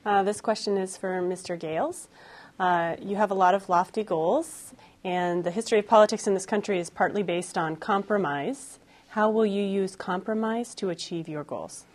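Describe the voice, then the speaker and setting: A woman's voice: medium pitch, moderate pace. A woman reporter asking a formal question on a debate panel.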